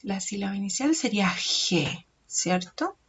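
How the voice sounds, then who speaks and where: A woman, teaching a recorded lesson to young children, slow and patient, stretching out words and checking in often. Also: medium pitch, animated, fairly bright tone, slightly rough. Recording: dull lo-fi recording.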